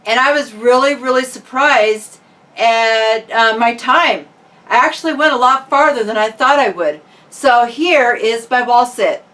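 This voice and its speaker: Picked up by a distant microphone, a woman speaks in a fairly high, sharp-toned voice at a measured pace. Her casual, informal vlog chat resembles a fitness creator talking to her audience.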